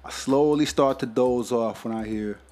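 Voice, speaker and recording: A man telling a stand-up story on stage in slangy, animated speech. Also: mid-range voice, moderate pace, music in the background. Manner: slangy, animated, acts out the characters. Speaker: stand-up comedian.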